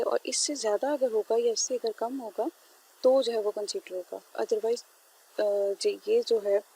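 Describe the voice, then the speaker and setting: Woman lecturer, higher mellow voice, patient explainer with frequent fillers; faint background noise. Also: low-quality recording. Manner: explains step by step with many fillers and "theek hai" checks. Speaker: teacher. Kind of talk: classroom lecture.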